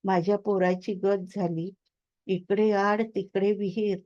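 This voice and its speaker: Woman reading an outspoken mom, blunt and scolding, protective, slow, a bit muffled. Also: medium pitch, flat delivery, dark tone, close to an everyday voice. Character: outspoken middle-aged mother, blunt and protective.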